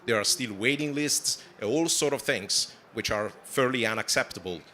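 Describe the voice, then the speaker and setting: A man in his forties from southern Italy with an Italian accent, a company founder telling his story in a fast, animated way on a conference panel. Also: medium pitch, a little hiss or hum. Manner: fast, animated storytelling with non-native phrasing. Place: conference stage.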